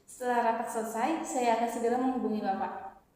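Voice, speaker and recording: A woman's voice: a little high, steady tone, quick pace, dark tone, close to an everyday voice. A woman playing a polite, deferential secretary in an amateur workplace role-play, speaking in a formal, courteous customer service voice. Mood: courteous, apologetic. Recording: very echoey, reverberant room.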